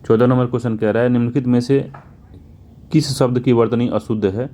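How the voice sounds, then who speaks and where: A man's voice: mid-range voice, fairly even intonation, a little fast, dark tone. A male teacher working through exam questions one by one, often repeating answers and checking with "theek hai". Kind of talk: exam answer walkthrough lesson.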